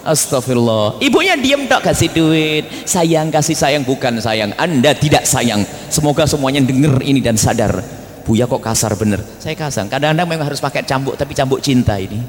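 A man preaching a religious study sermon, emphatic and blunt, sometimes scolding and sometimes gentle. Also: mid-range voice, lively intonation, a little fast, hardly any pauses, big-room sound. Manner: emphatic, blunt scolding mixed with tender asides.

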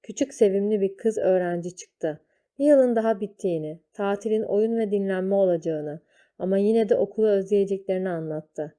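A woman reading a children's story aloud, slow and deliberate. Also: medium pitch, mellow.

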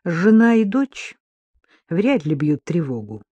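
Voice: mid-range voice, big pitch swings, takes it slowly, warm tone, slightly rough, dry recording, highs cut off, exaggerated voice. A reader voicing a joking, theatrical middle-aged man with a mocking, showy manner in an audiobook. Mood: calm. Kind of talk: audiobook character reading.

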